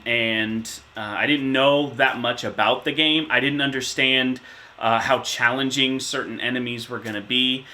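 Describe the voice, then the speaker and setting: A man in his thirties answering interview questions, telling a memory in a relaxed, reflective way with many fillers. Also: mid-range voice. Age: 30s. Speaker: interviewee, insurance manager.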